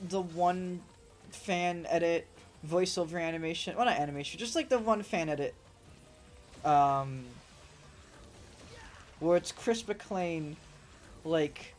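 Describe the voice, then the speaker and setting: A woman's voice: on the low side, slow, long pauses. Woman streamer, sore scratchy throat, rambling casual chatter, faint music behind. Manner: rambling, chatty, swears freely. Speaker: game streamer. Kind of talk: casual let's-play commentary.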